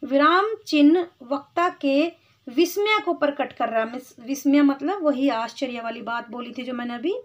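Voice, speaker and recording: A woman teaching Hindi grammar to children, patiently explaining and calling them "beta". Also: high-pitched. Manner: patient, explains slowly, calls students beta. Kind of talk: classroom lesson for children. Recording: slightly dull lo-fi sound.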